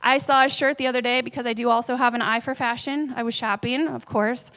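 A woman's voice: fairly high pitch, steady tone, a little fast, a bit bright. A woman in her thirties preaching a sermon in a church on a handheld microphone, talking conversationally, telling family stories and asking the audience questions. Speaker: pastor.

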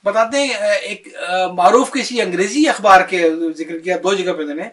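A man retelling a memoir as casual talk, animated, acting out the quoted dialogue. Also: high voice, far from the mic.

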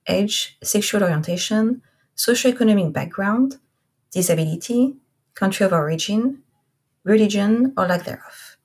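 A woman in her thirties from Corsica, France, speaking with a French accent in a mid-range, slightly mellow voice. As a podcast host, she reads a scripted intro carefully and then moves into an easygoing interview with her guest.

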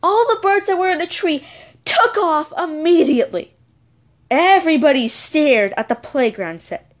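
A woman's voice: sits high, lively intonation, normal speed. A woman telling a childhood story in a casual, rambling episode, correcting herself and adding chatty asides.

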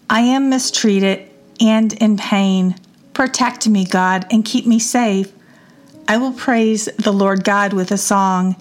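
A woman reading psalms aloud in a measured devotional reading. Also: medium pitch. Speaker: scripture reader.

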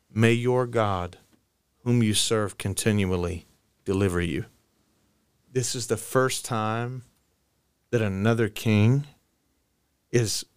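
Lower-voiced man, slangy scripture retelling. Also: smooth, no echo. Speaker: podcast co-host. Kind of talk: casual Bible study discussion.

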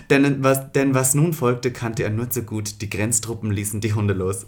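A man co-hosting a comedy podcast, reading a story aloud with exaggerated emphasis. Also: on the low side. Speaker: podcast co-host. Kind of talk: comedic podcast banter and mock dramatic reading.

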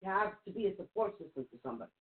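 A woman's voice: mid-range voice, very animated, very fast. A woman co-hosting an online talk show, gushing and encouraging toward a guest. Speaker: co-host, psychic reader. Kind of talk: casual talk show chat. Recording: tinny phone-like call audio.

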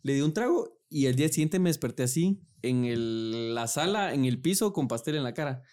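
A man's voice: mid-range voice, lively intonation, moderate pace, a little mellow. A young man, co-hosting a podcast and telling crude party stories in a casual chat, with lots of slang. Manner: storytelling, crude slang, laughing often. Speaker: podcast co-host.

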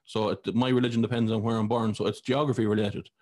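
A man's voice: fairly low pitch, fairly even intonation, quick pace, darkish tone. Blunt Irish man in his forties. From Ireland. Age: 40s. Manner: blunt, heated, swears freely. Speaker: podcast host. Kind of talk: casual conversation.

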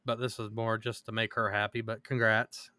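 A man's voice: fairly low pitch, little pitch movement, moderate pace, pushed and bright, dry recording. A man co-hosting a podcast, chatting casually with crude, profane jokes and a rambling, laughing manner. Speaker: podcast co-host.

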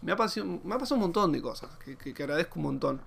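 Argentine male podcast host, young adult, rapid-fire slangy monologue, gravelly edge, a little higher than most men. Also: a little hiss or hum. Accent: Argentine Spanish. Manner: animated, slangy, quotes imagined people in his own voice.

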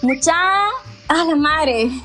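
A woman of twenty-nine, co-hosting a casual chat. She tells stories in an animated way, swears freely and acts out the dialogue. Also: high-pitched, slow pace, faint music behind. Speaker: podcast co-host.

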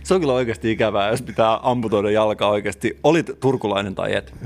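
A male podcast co-host with a somewhat low voice. He talks casually but puts on a mock-serious, lecturing tone. It is comedic chat between friends. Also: background noise. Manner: mock-serious teacherly riffing.

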